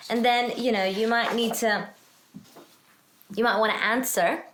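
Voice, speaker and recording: A woman teaching simple phrases, speaking slowly and repeating each one for the learner to copy. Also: fairly high pitch, fairly even intonation, a bit bright, slight background noise. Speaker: language teacher. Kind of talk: friendly language lesson. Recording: echoey room.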